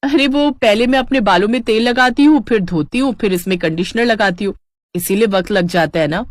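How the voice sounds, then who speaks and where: A woman voicing a vain, touchy young daughter-in-law in a storybook tale, with a shrill, excitable way of talking. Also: a little fast, no echo, lightly acted. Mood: pleading. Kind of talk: storybook character voice.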